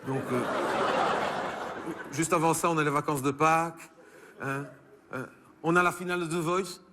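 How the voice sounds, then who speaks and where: A Belgian French comedian on stage, doing one side of a phone call, stammering and bemused. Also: male voice, fairly high pitch, steady tone, moderate pace, sharp tone, long reverb tail, a little hiss or hum. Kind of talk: stand-up phone sketch. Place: theater stage with audience.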